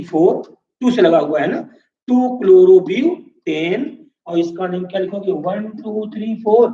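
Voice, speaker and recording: Male chemistry teacher, lecturing step by step with constant check-ins; high voice, roomy echo. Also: a little mellow. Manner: explains step by step, checking in with "है ना" and "ठीक है"; asks the class questions and answers them himself. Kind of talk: classroom lecture. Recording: echoey room, distant mic, dull lo-fi sound.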